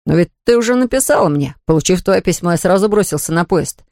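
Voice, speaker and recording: A woman's voice: lowish voice, expressive, fast, a little mellow, no room sound, clean studio sound. A woman voicing an ardent, confident young man who reassures his fiancée earnestly. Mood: urgent.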